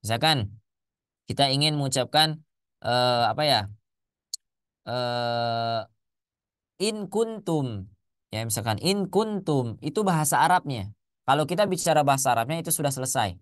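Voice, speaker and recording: A man teaching a Quran recitation class, asking his students questions and slowly chanting Arabic examples. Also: mid-range voice, fairly bright tone, clear, resonant tone, no room sound, clean studio sound. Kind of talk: classroom lesson.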